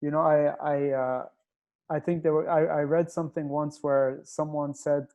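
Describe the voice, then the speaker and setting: A man who grew up in Nigeria hosts an interview over a video call. His voice is fairly high, with a mellow, warm tone. He searches for his words and hesitates as he asks his questions. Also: little pitch movement, normal speed. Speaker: host. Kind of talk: casual interview talk.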